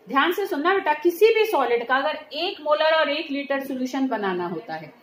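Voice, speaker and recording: A woman's voice: sits high, sing-song, normal speed, a little hiss or hum. A woman chemistry teacher giving a hands-on lab demonstration, patiently walking students through each step and checking they follow. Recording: roomy echo.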